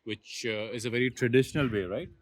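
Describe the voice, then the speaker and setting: A man's voice: mid-range voice, quick pace, a crowd in the background. A man from India, talking casually on a vlog.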